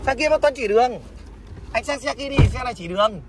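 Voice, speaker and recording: Fast-talking high-voiced man selling a motorbike. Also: over music. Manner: fast salesman patter, repeats short tags. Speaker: motorbike dealer vlogger. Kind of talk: casual selling vlog.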